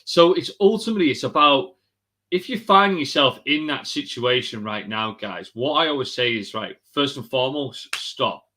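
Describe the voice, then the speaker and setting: A man hosting a live session for coaches, chatty and energetic, calling viewers mate and guys. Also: medium pitch, normal speed. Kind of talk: casual live-stream talk to viewers.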